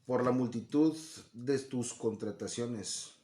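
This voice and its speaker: A man's voice: mid-range voice, slow, mellow. Conversational Spanish-speaking man preaching. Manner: conversational, acts out quoted voices, asks listeners "¿no?". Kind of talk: Bible teaching. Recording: echoey room.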